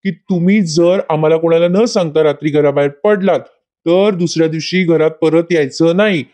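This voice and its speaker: Guy reading a fretful aunt passing a message, soft dark tone. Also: a little high, normal speed, lightly acted. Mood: apologetic. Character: middle-aged aunt, apologetic go-between.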